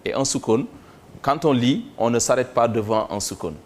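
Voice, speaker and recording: A man giving a Quran reading lesson in French, spelling out Arabic syllables slowly and repeating them one by one. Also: mid-range voice. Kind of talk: slow step-by-step reading lesson.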